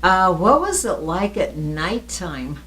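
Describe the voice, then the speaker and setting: A woman's voice: lowish voice, big pitch swings, takes it slowly, fairly bright tone, slight background noise. A woman conducting a conversational oral history interview, attentive, with murmured acknowledgements and follow-up questions.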